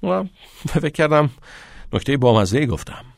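A man's voice: a little high, big pitch swings, vocal fry, no room sound, studio quality, pitched above the performer's own voice. A man voicing a teenage schoolboy who likes to crack jokes. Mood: joking. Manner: jokey.

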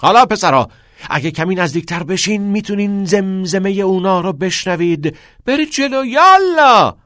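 A man's voice: sits high, sing-song, a bit bright, no room sound, clean studio sound, voice pushed up. A man voicing a passionate middle-aged male teacher who urges and exclaims like a preacher. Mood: urging, loud.

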